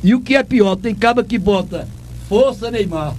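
This is a high-pitched, darkish male voice at normal speed, with a little hiss or hum on the recording. He's an older radio host and ex-sports reporter from Pernambuco, Brazil, ranting with a Northeastern accent, indignant emphasis, and lots of repetition.

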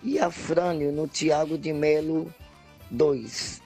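A woman's voice: deep voice, steady tone, takes it slowly, mellow, breathy edge, faint music behind. A woman with a Brazilian Portuguese accent leaving a song request for a radio show. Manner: chatty, asks for a song and sends greetings. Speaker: caller.

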